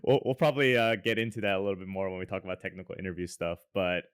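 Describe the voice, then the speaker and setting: A man's voice: deep voice, fairly even intonation, racing, clean tone, no room sound, studio quality. A young man hosting a podcast over a video call, asking questions in an easygoing way and laughing along with his guest. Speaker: podcast host. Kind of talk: casual interview and scripted intro. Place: home room, on a video call.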